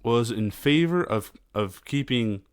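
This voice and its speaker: A man hosting casual political commentary, talking in a halting way with many fillers and restarts. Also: mid-range voice, lively intonation, no echo, clean studio sound.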